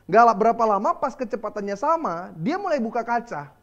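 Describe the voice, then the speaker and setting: A man's voice: very high voice, a little fast, muffled recording. A male pastor with an Indonesian accent preaching a sermon, telling stories and laughing as he goes. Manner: lively preaching with storytelling and laughter.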